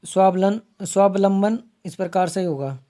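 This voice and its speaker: A man teaching Hindi grammar for exams, repeating each word slowly to spell it out and calling viewers his friends. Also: high voice, mellow. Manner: slow, repeats words to spell them out. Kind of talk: exam-prep lesson.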